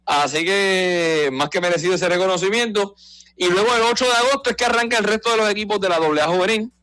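A man's voice: sits high, fast, a bit bright, no echo, rough recording. A man, chatting about baseball on radio. He explains points emphatically and with authority. The sound is dry and close, with faint music underneath. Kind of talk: casual sports talk.

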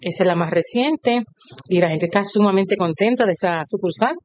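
A woman's voice: medium pitch, a little fast, a little mellow, slight background noise. A woman with a Puerto Rican accent, a cooperative leader being interviewed, proudly listing things in rhythmic runs. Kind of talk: on-site interview.

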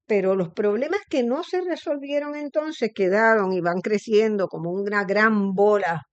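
A middle-aged woman hosts a relaxed interview. She muses aloud and pauses often to gather her thoughts. The sound is dry and close, with no room echo. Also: medium pitch, muffled recording. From Puerto Rico. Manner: reflective, thinks aloud with frequent fillers. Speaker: interview host. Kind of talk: conversational interview.

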